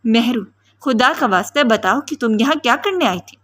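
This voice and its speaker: A woman's voice: fairly high pitch, expressive, fairly bright tone. A woman reading the lines of a harsh, aggressive young man in an audiobook. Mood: defensive.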